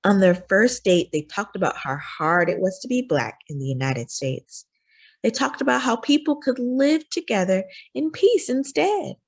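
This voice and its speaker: This story time host reads a children's picture book out loud in a mid-range voice, shaping each line with care and expression for a young audience.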